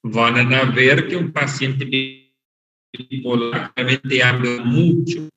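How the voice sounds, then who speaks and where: Slow, echoey male lecturer from afar. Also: mid-range voice, steady tone, sharp tone. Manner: slow, explanatory, repeats key terms. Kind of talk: lecturing a medical class. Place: online class. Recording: echoey, dull, far from the mic over an unstable online connection.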